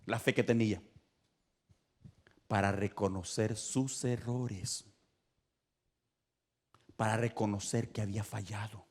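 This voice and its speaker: A man preaching an evangelical sermon in a church, swinging between shouted exhortations and hushed asides and repeating his points with emphasis. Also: fairly low pitch, fairly even intonation, slow, pauses often. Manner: emphatic and repetitive.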